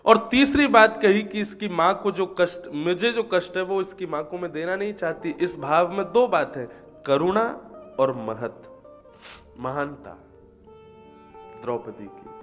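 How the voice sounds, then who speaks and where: A man's voice: high voice, a bit bright. A man telling a scripture story in a devotional discourse, voicing the characters and chanting verses.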